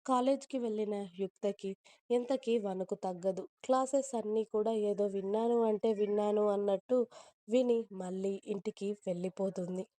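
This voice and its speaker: A woman narrating a romance story in a steady, even reading voice. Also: mid-range voice, moderate pace.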